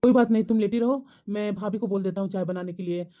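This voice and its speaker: A woman's voice: mid-range voice, fairly even intonation, lo-fi sound, lightly acted. A woman playing a firm caring young husband. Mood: insistent. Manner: firm, protective, quick. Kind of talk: cartoon voice acting.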